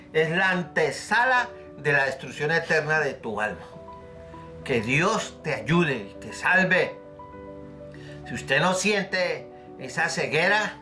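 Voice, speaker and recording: A man's voice: a little high, bright, forceful tone. A man preaching a sermon as a pastor, fervent and pleading, asking his listeners direct questions. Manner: acts out the scripture voices he quotes. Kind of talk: recorded sermon.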